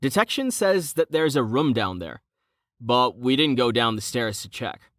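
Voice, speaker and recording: A man's voice: medium pitch, expressive, a little slow, a bit bright, no echo, studio quality. A man voicing an earnest, cautious young male adventurer in an audiobook.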